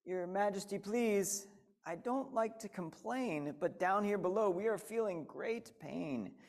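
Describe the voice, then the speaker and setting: A man's voice: sits high, unhurried, darkish tone, pitched above the performer's own voice. A man voicing a humble, put-upon little turtle who pleads politely and wearily in a storybook reading. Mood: weary plea. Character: meek humble male turtle at the bottom of a stack, put-upon.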